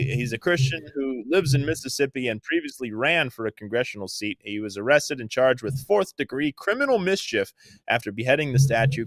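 A man's voice: mid-range voice, no echo, clean studio sound. A man co-hosting a political podcast, talking in an indignant, sarcastic way. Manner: indignant, sarcastic, mocking mimicry. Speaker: podcast co-host. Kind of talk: casual political chat.

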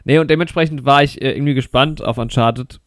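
A man's voice: medium pitch, fast, no echo, clean studio sound. A man chatting casually while reviewing a film on a podcast, rambling with many fillers and restarts and enthusiastic slang.

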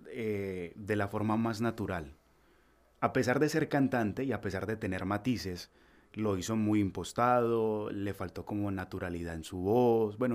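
A young man chats easily as a podcast guest, lively and expressive as he tells stories. His voice sits a little low. He slips into other people's voices as he quotes them. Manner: animated storyteller, acts out quoted voices. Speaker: voice-over artist guest. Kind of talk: casual podcast chat.

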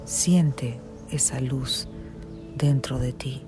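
A narrator leads a guided meditation in the soothing, hushed manner of a sleep story, leaving long pauses between phrases. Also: medium pitch, steady tone. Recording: music behind the voice.

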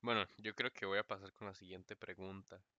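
A young man with a Costa Rican accent, co-hosting a casual livestream chat and telling animated stories. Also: low voice, brisk, dry recording, lo-fi sound. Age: young adult. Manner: animated storyteller, mimics voices. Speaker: co-host.

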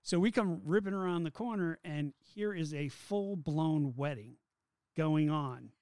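A middle-aged man co-hosting a casual chat, telling stories in a lively, self-mocking way. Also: on the high side, unhurried, dry recording, clean studio sound. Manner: animated storyteller, playful and self-mocking. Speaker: podcast co-host.

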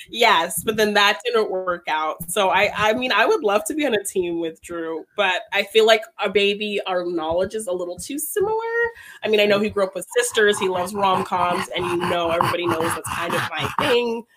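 A woman's voice: medium pitch, moderate pace, crowd noise. A woman chatting as a guest, laughing often and trailing off as she talks. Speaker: guest, league player. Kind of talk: casual chat.

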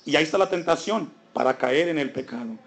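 A man's voice: fairly high pitch, fairly quick, gravelly. A man preaching a sermon, asking the congregation rhetorical questions and building his emphasis. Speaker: pastor.

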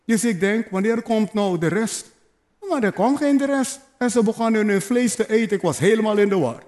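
A man's voice: sits high, animated, normal speed, darkish tone. A man preaching a sermon, urging his listeners with repeated phrases and playful asides. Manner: repetitive exhortation, playful asides and calls to the congregation. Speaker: pastor.

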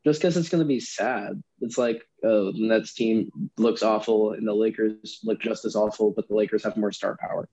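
A man's voice: fairly low pitch, fairly even intonation, moderate pace, hardly any pauses, mellow. A young American man co-hosting a casual sports chat, giving his picks, on dull lo-fi audio. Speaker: sports talk co-host.

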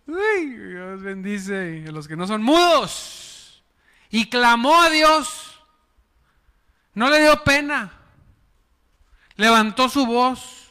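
A pastor's smooth, high and bright voice moves at an unhurried pace through his sermon as he fires questions at the congregation and leads call-and-response. His voice rings with a long reverb from the hall.

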